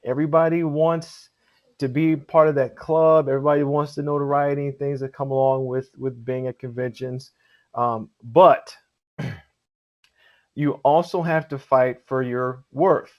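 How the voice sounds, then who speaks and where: A man's voice: medium pitch, unhurried, highs cut off. A man who hosts and judges cosplay contests, chatting casually in an interview and repeating his points for emphasis. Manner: relaxed and chatty, acts out quoted exchanges; earnest advice-giving, repeats for emphasis.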